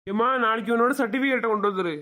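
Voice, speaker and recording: A high-pitched, kindly village doctor, voiced by a man in a cartoon comedy. He speaks patiently and in a fatherly way, with a Madurai Tamil accent. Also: very fast, sharp tone. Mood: calm.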